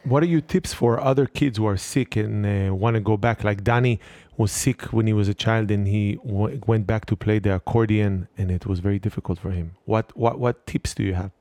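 A man's voice: on the low side, fairly even intonation, brisk, few pauses, dark tone, no room sound. A man hosting a casual family chat, playful and joking, teasing the others. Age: adult. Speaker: host of a family sports show.

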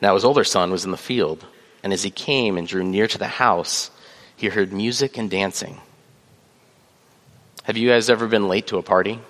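A man with a lowish voice preaches a sermon in a measured way, pausing on fillers and reading scripture aloud. His voice carries a long reverb, as in a church hall. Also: fairly bright tone. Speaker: pastor.

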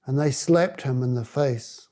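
A man reading scripture aloud in a measured, deliberate way. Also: medium pitch, warm tone. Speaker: reader.

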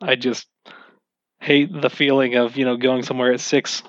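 A man talks loosely and at length about running games, with a wry, self-mocking humour. His voice sits at an ordinary middle pitch. The recording is dry and a little dull. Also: flat delivery, moderate pace, no room sound. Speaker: game master being interviewed. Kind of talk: casual interview answers.

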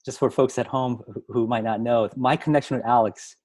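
A man's voice: mid-range voice, fairly even intonation, brisk, a little mellow, no echo. New guy, pastor chatting and laughing a lot, dry close sound. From New York. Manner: laughing, friendly, talkative. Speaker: pastor, podcast guest. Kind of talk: casual chat.

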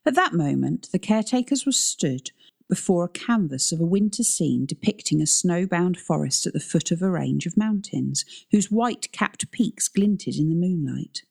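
A woman reading a novel aloud in measured, scripted narration. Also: fairly low pitch, animated, vocal fry, a little mellow. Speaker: audiobook narrator.

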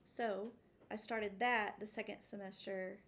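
Female podcast guest, West Texas twang, gravelly creak, relaxed storytelling style, slight rumble on the recording. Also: a little slow. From West Texas, United States. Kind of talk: casual interview storytelling.

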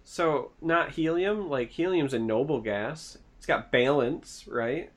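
A man's voice: fairly high pitch, slow pace. A man from Michigan co-hosting a casual chat, wry and self-deprecating in his jokes. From Michigan, United States. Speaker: co-host.

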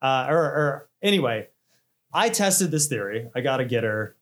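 A man's voice: mid-range voice, expressive, a little slow. A man, hosting a casual podcast chat, rambling and self-deprecating with frequent laughs. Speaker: podcast host.

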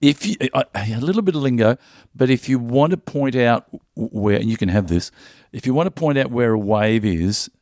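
Expressive and medium-pitched with a darkish tone, a middle-aged man from Melbourne talks at normal speed with few pauses. He is a comedian appearing as a guest in a casual interview, spinning jokey stories with many restarts, recorded studio-quality without room sound.

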